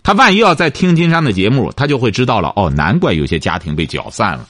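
Male call-in host: stern lecturer, low husky voice, bone-dry studio mic. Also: very animated, quick pace, fairly bright tone, dry recording. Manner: scolding, lecturing, interrupts the caller. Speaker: radio advice show host. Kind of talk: call-in radio advice. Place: radio studio.

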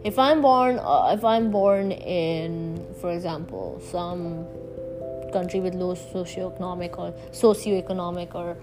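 Woman doing a thoughtful solo podcast, kinda halting, stresses words, music playing behind her. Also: lowish voice, steady tone. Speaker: podcast host. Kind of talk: reflective solo monologue to listeners.

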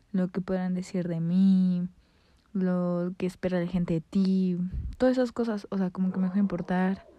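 Slangy young Mexican woman, mellow voice. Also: on the low side, no echo. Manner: slangy, animated, swears freely. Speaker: vlogger. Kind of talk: casual storytime chat.

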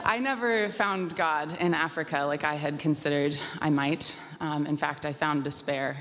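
A woman's voice: deep voice, steady tone, normal speed, fairly bright tone. A young woman from Canada telling her life story as a testimony, earnest with light humor. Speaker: missionary speaker. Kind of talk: personal testimony. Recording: echoey hall with faint noise.

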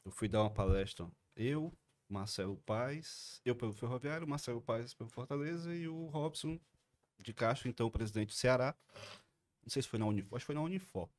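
A man with a Cearense accent, telling casual anecdotes as a lively storyteller with big pitch jumps. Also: a little fast. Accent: Cearense Brazilian Portuguese. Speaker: podcast guest, son-in-law of the judge.

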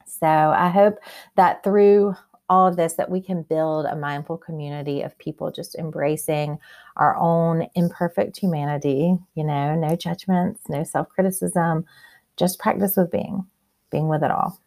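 Creaky, low-voiced woman hosting a podcast. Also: steady tone, measured pace, darkish tone. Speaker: podcast host. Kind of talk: conversational podcast introduction.

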